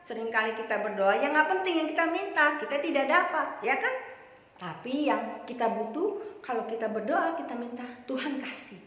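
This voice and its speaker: A woman teaches Sunday school, telling a story to children in a playful way. Her high voice leaps and dips. It rings around a church hall with a long, roomy echo. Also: expressive, moderate pace, a bit bright. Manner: playful, asks children questions.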